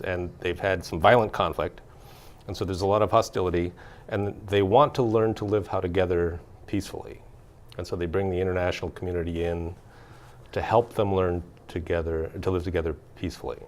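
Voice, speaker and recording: A man hosting an interview podcast, asking questions by summarizing his guest's points in a measured way. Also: sits low, fairly even intonation. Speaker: podcast host.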